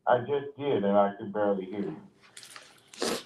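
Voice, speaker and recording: A man's voice: lowish voice, moderate pace, noisy background. A man calling in by phone, sounding far from the phone, giving brief, polite replies. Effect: phone call voice, far from the phone. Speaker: caller, a veteran. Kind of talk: casual chat. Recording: tinny phone line, echoey and distant.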